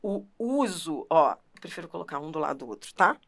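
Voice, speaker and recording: Uma professora com sotaque brasileiro dando uma aula de gramática animada e enfática, falando direto com o aluno. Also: female voice, low voice, a little fast, gravelly. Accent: Brazilian Portuguese. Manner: animated, emphatic, talks straight to the student. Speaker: teacher. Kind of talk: lively grammar lesson.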